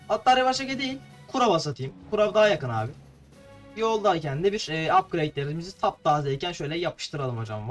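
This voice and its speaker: A young man from Turkey talks his viewers through a battle in a playful, chatty way. His voice sits a little high and he trips over his words now and then. Faint game music plays under him. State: slightly tongue-tied. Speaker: gameplay streamer. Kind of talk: casual gameplay commentary.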